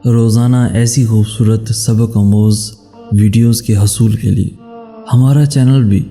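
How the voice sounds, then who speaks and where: A man's voice: lowish voice, steady tone, dark tone. A man narrating a dramatic first-person story in an emotional, solemn, devotional manner. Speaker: channel narrator. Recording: reverberant with background music.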